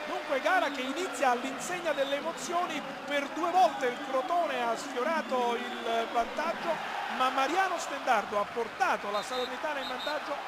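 A man commentating live on a football match in an excited, emphatic manner. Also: very high voice, normal speed, few pauses. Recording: loud stadium noise behind commentary.

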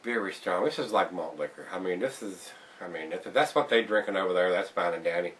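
A middle-aged man hosts a casual beer review from an indoor room at home lined with glass shelves, calling his viewers "guys" in a chatty, folksy way. His low, slightly bright voice moves a little fast, picked up from a distance by a camera on a tripod across the table, with slight background noise.

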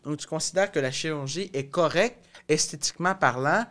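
A young man with a Québécois French accent hosts a casual podcast discussion in a small indoor studio, recorded on a close studio microphone. His voice is fairly high and fairly bright at a moderate pace, and he speaks in a roundabout way, repeating and rephrasing as he searches for words.

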